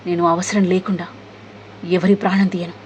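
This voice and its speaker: A woman reading the lines of a wounded, fierce young male gang leader, speaking weakly but defiantly in a slow, low voice. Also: little pitch movement, dull audio, a little hiss or hum, natural voice. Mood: weak defiance.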